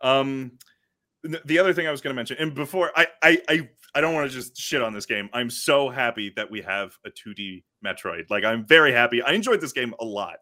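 Young dude rambling on a podcast, bright edgy voice, keeps restarting. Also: male voice, medium pitch, expressive. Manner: halting, many restarts and nitpicks. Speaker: podcast co-host. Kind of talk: casual chat.

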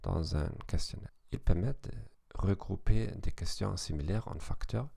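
Man, German accent, low pitch, creaky gravelly tone, formal scripted delivery, educational podcast host. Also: lively intonation, normal speed, mellow.

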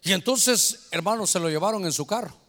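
A man, a pastor preaching a sermon, telling a story and acting out the voices and shouts of others. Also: sits high, fairly quick. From Guatemala. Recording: echoey hall reverb.

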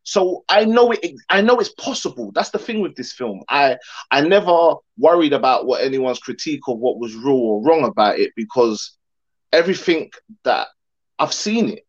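A man's voice: mid-range voice, lively intonation, moderate pace, lo-fi sound. A man with an urban London roadman accent, chatting casually and using street slang as a film-maker in an interview. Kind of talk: casual conversation about own film.

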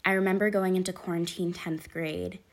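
A late-teen girl sniffling from allergies vlogs to her camera in a fairly low, steady voice at a moderate pace. She's open and chatty, rambling casually and filling her speech with lots of "um"s and "like"s.

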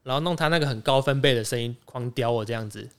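A man's voice: medium pitch, a little hiss or hum. Brief: young guy, podcast co-host, rattling off a story at breakneck speed. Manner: animated, rapid storytelling with quick restarts. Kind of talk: casual chat storytelling.

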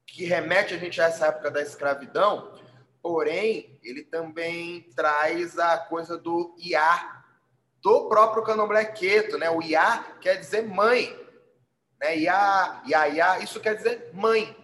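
High-pitched man, bright ringing tone, casual explanatory talk, keeps adding tag questions, roomy echo. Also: takes it slowly, a little hiss or hum. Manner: frequent "né?" tags and repeated words; acts out quoted calls with a raised voice.

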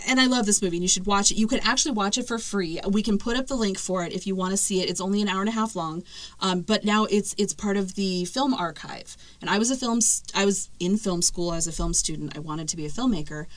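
A talkative woman in her forties hosts a casual podcast. She swears freely and laughs often, her voice landing at an everyday mid pitch with no room sound around it. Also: dry recording. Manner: chatty, swearing, laughs often, quick asides. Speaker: podcast co-host.

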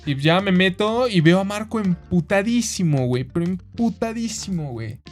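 Mexican man, slangy animated storyteller. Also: high voice, moderate pace, faint music behind. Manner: animated storyteller, acts out quoted voices, slangy, says güey constantly. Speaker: podcast co-host. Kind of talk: casual chat.

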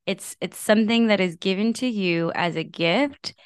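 A woman's voice: mid-range voice, normal speed, clean tone, dry recording, studio quality. A woman co-hosting a Bible study podcast, bubbly and enthusiastic with casual fillers. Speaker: podcast co-host.

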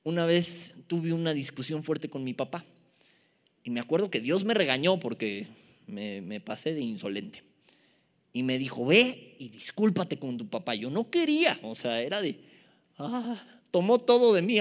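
A man's voice: fairly high pitch, very animated, normal speed. A man with a Mexican accent preaching a sermon, asking the congregation questions in a casual, self-deprecating way. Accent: Mexican Spanish. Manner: asks the congregation rhetorical questions.

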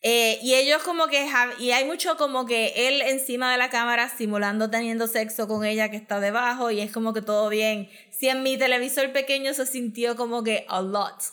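A woman's voice: on the high side, fairly even intonation, brisk, hardly any pauses, a bit bright, clean tone. A woman recapping a film in casual chat, mixing in English words, with lots of fillers and laughs.

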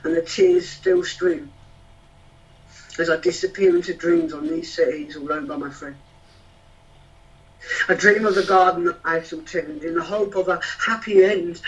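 A man's voice: sits high, vocal fry. A man, a spoken-word poet, performing rhythmic rhyming verse and chatting hesitantly with fillers between poems. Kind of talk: spoken-word poetry performance and casual chat. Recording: distant, dull lo-fi sound.

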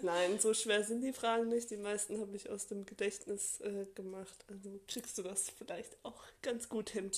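A young adult woman co-hosting a casual podcast, talking in a relaxed, chatty way with lots of fillers. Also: mid-range voice, normal speed, few pauses. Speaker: podcast co-host.

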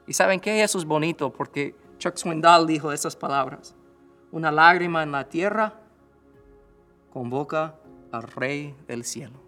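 A man preaching a sermon as pastor, talking directly to his listeners, swinging between fervent pleas and soft, quiet prayer. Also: medium pitch. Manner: impassioned, rising to loud pleas then dropping to soft prayer; conversational, direct address to listeners.

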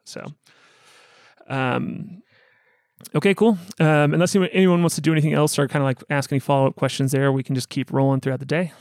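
A man narrating as game master of a tabletop role-playing game, halting with many fillers and restarts. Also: a little high, fairly even intonation, a little mellow, dry recording, studio quality.

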